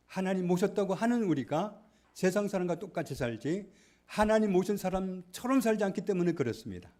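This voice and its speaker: A male pastor preaching a sermon, stressing points loudly and then dropping to hushed asides. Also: sits high. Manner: emphatic, swings between loud stresses and hushed asides. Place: church.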